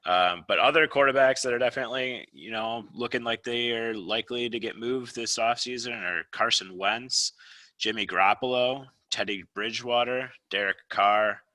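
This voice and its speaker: A man co-hosting a podcast who talks through sports analysis in a measured way, point by point. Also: mid-range voice, pushed and bright, no room sound, poor audio. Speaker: podcast co-host. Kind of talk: casual sports chat.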